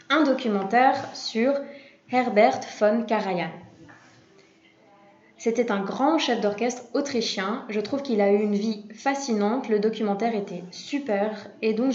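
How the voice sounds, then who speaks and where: A woman's voice: fairly high pitch, darkish tone, reverberant, lo-fi sound. French woman giving a practice speech. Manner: conversational, many hesitations. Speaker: practice speech giver for interpreters. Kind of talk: prepared speech for interpreting practice.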